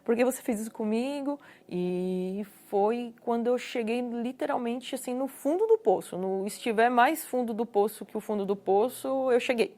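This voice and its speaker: Earnest Brazilian woman, slightly high voice. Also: normal speed, few pauses, a little mellow. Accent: Brazilian Portuguese. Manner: earnest, repeats words for emphasis. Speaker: guest giving a personal testimony. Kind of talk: personal testimony.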